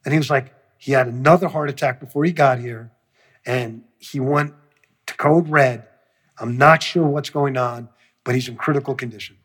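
Husky-voiced man telling a story, swearing. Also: medium pitch, moderate pace. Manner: profane, animated storyteller who acts out quotes. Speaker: music producer. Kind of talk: storytelling interview.

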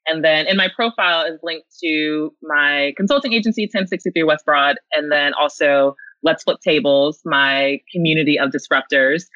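Bright-voiced woman podcast guest. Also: sits low, no room sound, dull audio. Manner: earnest, grows emotional. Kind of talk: podcast interview.

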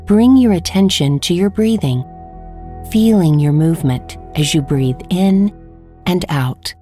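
A woman guiding a relaxation meditation with slow, calm, soothing instructions. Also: fairly low pitch, faint music behind. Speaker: meditation guide. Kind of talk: scripted guided meditation.

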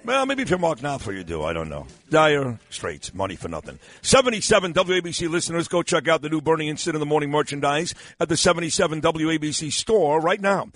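A male talk radio host with a fairly high, swinging pitch. He banters bluntly and teasingly with callers and reads ads casually. The studio sound is close and dry. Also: sing-song, quick pace, hardly any pauses, fairly bright tone, no room sound. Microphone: close studio microphone.

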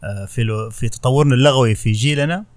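A middle-aged Saudi man talks as a guest author, quick overall but breaking off to hunt for words with fillers. His pitch is ordinary for a man. The sound is dry and close. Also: no room sound. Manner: halting, searching for words with many fillers. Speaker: novelist guest. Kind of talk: casual discussion.

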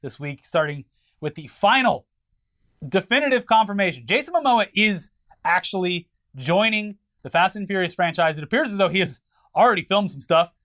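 A man's voice: sits high, animated, moderate pace, a bit bright. A man co-hosting a podcast, chatting casually and wryly while he covers the news. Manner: wry, opinionated, covers the news. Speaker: podcast co-host. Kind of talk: casual chat.

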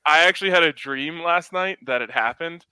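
A man talks casually as a sports podcast host, informal and joking. His voice is bright and crisp at a middling pitch, with a dry, close sound. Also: fairly quick, no echo. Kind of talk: casual sports betting chat.

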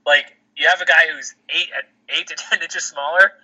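A man's voice: a little high, fairly even intonation, moderate pace, sharp tone, breathy edge. A man hosting a podcast in casual sports chat over a phone call, chatty and laughing often. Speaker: podcast host. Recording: lo-fi phone line.

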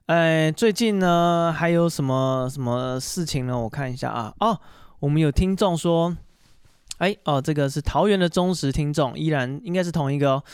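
A man hosting a podcast, casually telling stories alone and pausing on fillers as he goes. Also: on the high side, clear, resonant tone, no echo, studio quality. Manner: chatty, animated retelling full of fillers. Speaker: podcast host. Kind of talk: casual solo storytelling monologue.

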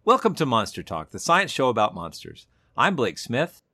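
A man's voice: mid-range voice, huge pitch swings, normal speed, sharp tone, no room sound. A man hosting a podcast in a casual, conversational style. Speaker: podcast host.

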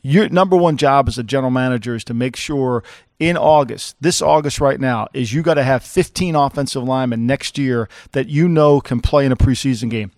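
A man's voice: medium pitch, brisk, darkish tone, no room sound, clean studio sound. A man co-hosting a football podcast, blunt and opinionated, rambling with restarts in casual sports talk. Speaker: co-host, former NFL executive.

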